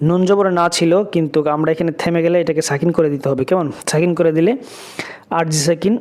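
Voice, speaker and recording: A man teaching Quran reading, spelling out letters and vowel marks and chanting the words slowly, with brief quicker explanations of each rule. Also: on the high side, steady tone, a little mellow. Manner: drawn-out chanted recitation between quick spoken explanations; asks "কেমন?" after each rule.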